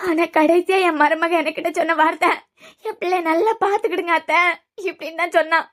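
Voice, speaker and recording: A woman's voice: extremely high pitch, steady tone, brisk, a bit bright. A woman voicing a grieving older grandmother in a cartoon serial, speaking sorrowfully with a Kanyakumari Tamil accent.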